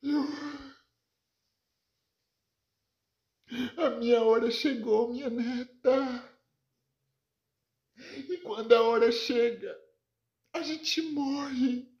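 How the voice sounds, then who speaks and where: A woman's voice: fairly high pitch, takes it slowly, long pauses, darkish tone, lo-fi sound, voice pushed up. A Brazilian woman voicing a dying grandmother in her old age, tender and gasping for breath. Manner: weak, gasping breaths between words.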